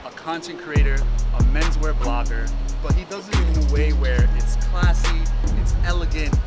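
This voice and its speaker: Upbeat host over loud hip hop. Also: medium pitch, normal speed, loud music behind the voice. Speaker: show host introducing a guest. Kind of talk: show intro over music.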